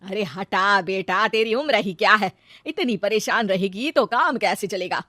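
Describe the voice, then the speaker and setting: A woman playing a gentle older mother. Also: mid-range voice, unhurried, no echo, studio quality. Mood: soothing. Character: soft-hearted older mother, worn down.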